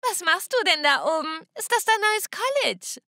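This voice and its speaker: A smug, sly teenage sister from an animated storytime video, as a woman narrator puts her on. She talks high and bright, with a teasing edge and no room around her. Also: normal speed, no room sound, clean studio sound, exaggerated voice. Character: scheming, smug teenage girl, mean sister.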